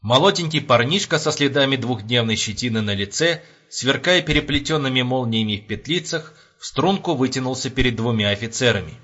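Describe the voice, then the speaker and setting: A man narrating an audiobook in an expressive storytelling manner. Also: medium pitch, a little fast, hardly any pauses. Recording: lo-fi home recording.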